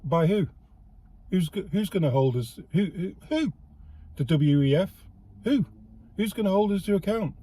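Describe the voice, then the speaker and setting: A man's voice: high-pitched, animated, moderate pace, long pauses, mellow. A man from the United Kingdom with a British accent, hosting a casual political commentary show, heated and sarcastic, stumbling and repeating words as he goes. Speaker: host.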